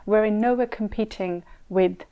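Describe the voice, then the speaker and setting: A middle-aged woman speaks in an interview, her voice sitting at an ordinary middle pitch. She is earnest and emphatic, and she repeats her key points for stress. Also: fairly even intonation, normal speed, smooth, dull audio. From Saudi Arabia, raised in Kenya and London. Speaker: Islamic scholar and mediator. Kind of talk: interview answers.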